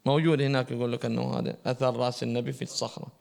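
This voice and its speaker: A man's voice: medium pitch, little pitch movement, racing, vocal fry, darkish tone. A man giving a religious lesson, asking his class questions and answering them himself. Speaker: religious teacher.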